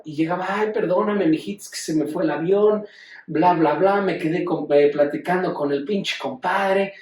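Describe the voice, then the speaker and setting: Mexican man, high voice, casual profane lecturer, recorded from a distance in a roomy space. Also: a little mellow. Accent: Mexican Spanish. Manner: profane, slangy, acts out quoted speech. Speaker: teacher.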